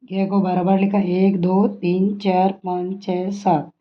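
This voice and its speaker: Slow, patient woman teacher, lo-fi sound. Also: on the low side, little pitch movement. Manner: slow, repeats and asks the class questions. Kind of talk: classroom lesson teaching script spelling. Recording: dull lo-fi sound.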